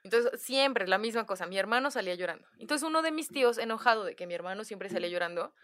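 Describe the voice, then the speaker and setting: A woman's voice: medium pitch, lively intonation, fast talker, a bit bright. A Mexican woman telling a family story on a casual podcast, acting out relatives' lines and laughing often. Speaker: guest storyteller.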